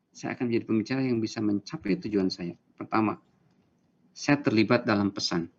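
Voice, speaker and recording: A man's voice: lowish voice, darkish tone, husky, highs cut off. A male university lecturer giving a recorded online lecture, explaining points with everyday examples. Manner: explanatory, gives everyday examples, acts out short quotes.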